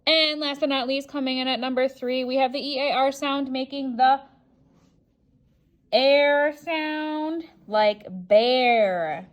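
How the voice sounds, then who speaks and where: She is a woman with a slightly high voice who speaks at a very unhurried pace. She presents like a kids show host leading a lesson, putting questions to young viewers. Example words are set apart and enunciated with care. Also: dull audio. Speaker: teacher hosting a word sort lesson video. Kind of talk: scripted-feeling instructional demonstration for children.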